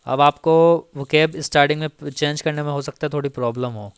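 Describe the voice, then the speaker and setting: A man teaching Turkish grammar in a casual spoken lesson, slowly repeating each example and checking in often with the listener. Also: a little high, steady tone, a bit bright, clean tone, dry recording. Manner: slow, repeats each example with frequent "theek hai".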